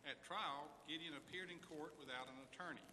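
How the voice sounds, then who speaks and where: A man narrates a scripted text aloud at a readers theater event held in a large hall. His voice is on the higher side and his delivery a touch fast. The hall is echoey, and background noise is clearly audible.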